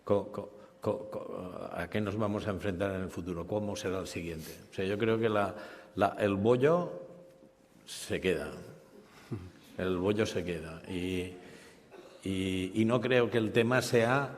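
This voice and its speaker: A man's voice: low voice, a little slow. A man speaking on a conference panel, stammering into restarts and tagging his points with questions. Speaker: business school panelist. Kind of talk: panel discussion. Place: conference stage. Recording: reverberant conference hall.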